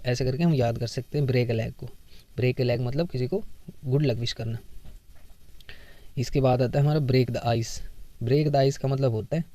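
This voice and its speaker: Male tutor, relaxed explainer of word tricks, dry close recording. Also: mid-range voice, no echo. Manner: explains with memory tricks and acted everyday examples. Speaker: English vocabulary teacher. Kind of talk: casual Hindi exam-prep lesson.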